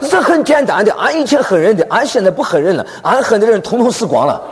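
A man's voice: high voice, big pitch swings, fast, over a noisy crowd, pitched above the performer's own voice. A pastor doing a blunt Shandong man. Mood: deadpan. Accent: Shandong dialect. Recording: echoey hall with background noise.

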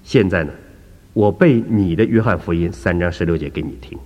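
A man voicing a calm, serious doctor who speaks quietly and gravely. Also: deep voice, brisk, in a large hall, muffled recording.

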